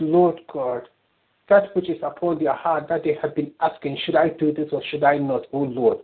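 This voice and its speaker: A man's voice: a little high, slightly rough. A man leading a fervent spoken prayer on a call. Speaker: prayer leader. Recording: tinny phone line.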